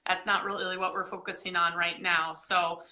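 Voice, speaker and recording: A woman's voice: fairly low pitch, little pitch movement, normal speed, sharp tone. A woman hosting an online interview, friendly and casual, with lots of "um" fillers over a video call.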